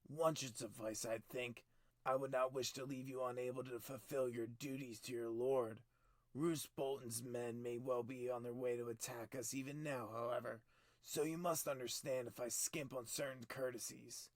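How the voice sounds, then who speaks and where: A man voicing a stern, cold middle-aged king who talks in clipped, forceful commands, higher and louder than his narration. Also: steady tone, moderate pace, no room sound, close to an everyday voice. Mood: cold, commanding.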